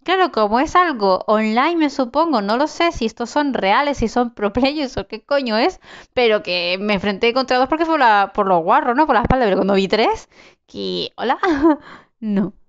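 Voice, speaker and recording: A woman's voice: fairly high pitch, expressive, moderate pace, clear, resonant tone, muffled recording. A young woman commenting casually on her survival game, chatty, swearing and exclaiming as she plays. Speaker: gaming channel host. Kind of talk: casual let's-play commentary.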